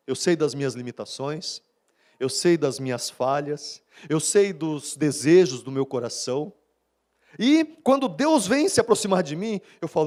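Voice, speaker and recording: A man with a Brazilian accent, a pastor giving a live sermon at a church service in a fast, conversational way. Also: on the high side, darkish tone. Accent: Brazilian Portuguese.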